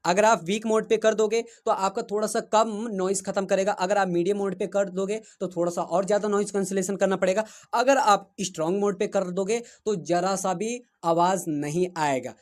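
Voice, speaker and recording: A man's voice: sits high, steady tone, brisk, few pauses. A man giving a casual step-by-step tech tutorial, checking in often with his viewers as he explains settings. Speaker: tech reviewer. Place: indoors, in front of a running fan. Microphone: wireless lapel mic.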